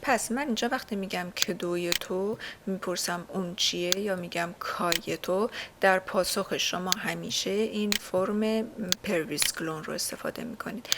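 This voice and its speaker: A woman's voice: fairly low pitch, background noise. A woman teaching a language in a casual spoken lesson, explaining patiently with many fillers and frequent checks on her students. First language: Persian.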